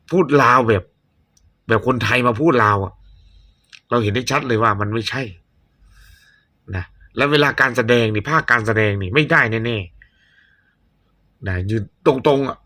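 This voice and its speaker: A man's voice: mid-range voice, bright, forceful tone. A man hosting a movie reaction channel, chatting casually and rambling, with blunt opinions and frequent self-corrections. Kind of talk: casual chat.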